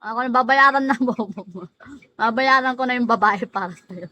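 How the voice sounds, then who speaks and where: On a low-quality recording, a livestream host with a fairly high, pushed and bright voice speaks at a moderate pace. She chats casually, welcoming viewers, teasing them by name, drawing the names out and laughing a lot.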